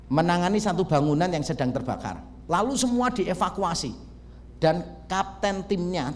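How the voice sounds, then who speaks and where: A male pastor preaching at a conference, telling stories with lively quoted dialogue. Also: a little high. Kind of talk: conference sermon. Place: large conference hall. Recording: long reverb of a hall.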